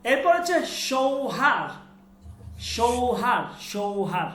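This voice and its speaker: A woman teaching a Persian class who says each word again and again slowly and keeps quizzing her students. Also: on the high side, lively intonation, a bit bright, reverberant, a little hiss or hum. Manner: drills words by repeating them slowly, quizzes students. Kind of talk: online class lesson.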